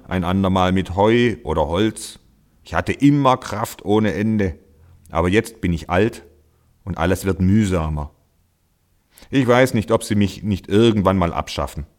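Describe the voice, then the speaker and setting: A man's voice: lowish voice, close to an everyday voice. Alfons, a man voicing a weary old ox. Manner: grumbling, resigned. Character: old weary male ox, once strong.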